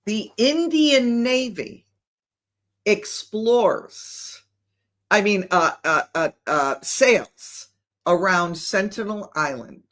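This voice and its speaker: A woman's voice: medium pitch, a bit bright. A woman hosting a casual solo podcast, talking animatedly and asking skeptical rhetorical questions. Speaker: show host.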